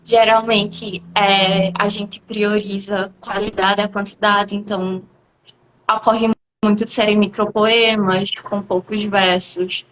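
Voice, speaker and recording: A woman with a Brazilian Portuguese accent, a guest poet in a live online interview, explaining her writing thoughtfully and at length with frequent pauses. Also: medium pitch, level tone, fairly bright tone, dull audio, slight background noise.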